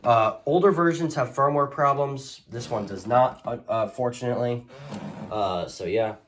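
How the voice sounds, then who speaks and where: A man with a medium-pitched, fairly bright voice hosts a radio collection video, giving a casual, unscripted show-and-tell at normal speed. He rambles hesitantly and often corrects himself, in a noisy home recording with clicks.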